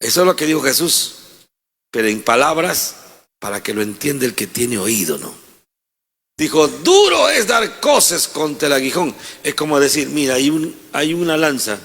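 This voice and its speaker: Gravelly, lively preaching man in a reverberant hall. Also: fairly high pitch, normal speed. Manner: dramatic preaching, reads scripture with sudden loud bursts. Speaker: pastor. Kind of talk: sermon.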